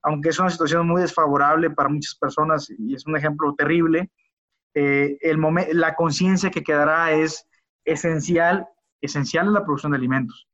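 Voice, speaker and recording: A man's voice: on the high side, steady tone, normal speed, a bit bright. A man, a biotechnologist guest on a podcast, talking earnestly and often repeating words as he restarts his sentences. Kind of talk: casual interview talk. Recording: dull lo-fi audio.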